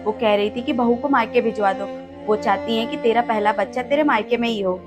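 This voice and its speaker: A caring mother-in-law gently coaxes her daughter-in-law, as a woman plays her in a short family drama skit. Her voice sits a little high and stays soft and patient. Clear music plays under the scene. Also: a little fast, lightly acted. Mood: gentle. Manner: gentle, coaxing.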